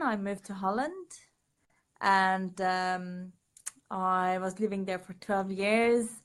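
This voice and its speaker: A woman's voice: medium pitch, bright, forceful tone. A woman from Iran, a guest on a video call without a headset, talking casually and hesitantly while she searches for words. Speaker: guest speaker. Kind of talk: casual conversation.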